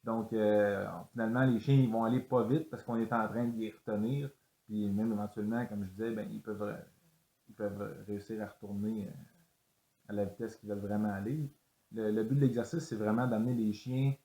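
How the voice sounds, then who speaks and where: A man's voice: fairly low pitch, a little mellow, reverberant. A man explaining a sled dog exercise, hesitant with many fillers and restarts. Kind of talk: instructional explanation.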